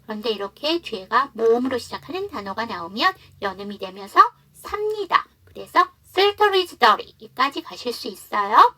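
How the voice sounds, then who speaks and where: A woman teaching an online English lesson who explains patiently and reads example sentences slowly. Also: on the high side, big pitch swings, pushed and bright, slightly rough.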